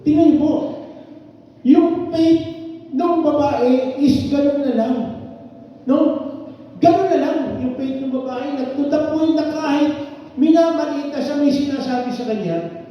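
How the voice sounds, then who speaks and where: A man preaching a sermon with emphatic swings between loud and soft. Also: very high voice, measured pace, pauses often. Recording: echoey hall from far off, muffled.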